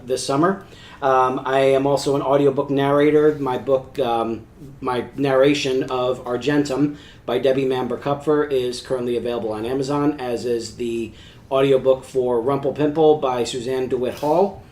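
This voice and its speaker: Steady man in an echoey room. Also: medium pitch. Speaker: panel guest, writer and audiobook narrator. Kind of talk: casual panel chat. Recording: roomy room sound.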